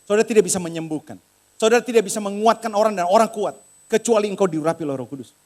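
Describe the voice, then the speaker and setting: A man's voice: sits high, rapid-fire. A middle-aged man preaching a sermon in a church, telling a story and acting out the voices in it. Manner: animated, acts out voices in quoted dialogue. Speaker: pastor.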